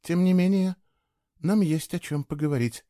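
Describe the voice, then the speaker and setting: A man's voice: moderate pace, mellow, dry recording, clean studio sound, natural voice. A man voicing a young woman who is hurt, jealous and accusing, reading a storybook. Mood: quiet, wounded. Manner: pleading, accusing, raised high.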